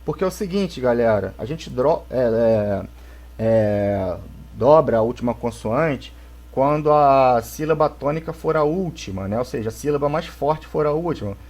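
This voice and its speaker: A Brazilian man gives a remote English lesson to young students, speaking at a middle pitch. He explains step by step and keeps checking whether the kids understand. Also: animated, moderate pace, darkish tone. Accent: Brazilian Portuguese. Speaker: English teacher for children. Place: home, for a video lesson.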